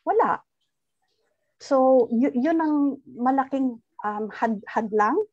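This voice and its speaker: Speaking slowly in a high, darkish voice, this Filipina former teacher is a guest in an online forum, responding to audience questions and thinking aloud in a mix of Tagalog and English. The recording is muffled and has no room sound.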